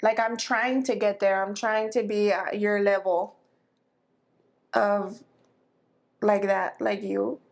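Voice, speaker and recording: A woman's voice: medium pitch, steady tone, takes it slowly, gravelly, pauses often. A woman in her thirties co-hosting a casual chat podcast, easygoing and agreeable, with lots of fillers. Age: 30s. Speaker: podcast co-host.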